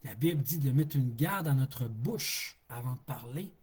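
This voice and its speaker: A man's voice: medium pitch, animated, measured pace, darkish tone, breathy edge. A middle-aged man with a Québécois French accent, preaching a folksy, informal sermon as a street pastor who laughs easily and repeats words for emphasis. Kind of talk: informal sermon on a live stream.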